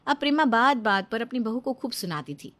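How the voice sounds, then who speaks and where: A woman narrating a children's cartoon story. Her voice is bright and a bit high, and she reads in an even, clear storytelling manner. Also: brisk.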